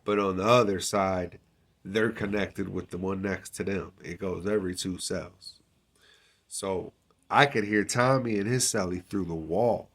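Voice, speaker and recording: A man telling a story in a casual, slangy, unhurried way, with lots of fillers and swearing. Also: sits low, steady tone. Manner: street slang, frequent fillers and profanity, unhurried. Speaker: storyteller recounting his time in prison.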